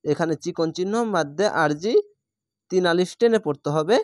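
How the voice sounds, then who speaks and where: A man's voice: fairly high pitch, moderate pace, dry recording, studio quality. A man teaching Quran reading, spelling out each letter and vowel mark one syllable at a time before reading the whole word.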